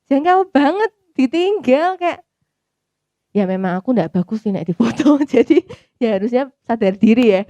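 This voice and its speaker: Woman, Javanese accent, personal church testimony, conversational, warm dark tone, fairly high voice, dull dry recording. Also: lively intonation, normal speed, no echo. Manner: conversational, mixes English phrases, acts out her own inner thoughts. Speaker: testimony speaker at a youth service.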